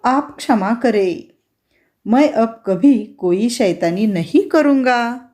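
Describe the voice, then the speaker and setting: A woman's voice: fairly high pitch, lively intonation, slow pace, a little mellow. A woman teacher voicing a naughty young boy who answers back innocently in a storybook reading. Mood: sorry. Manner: innocent, cheeky.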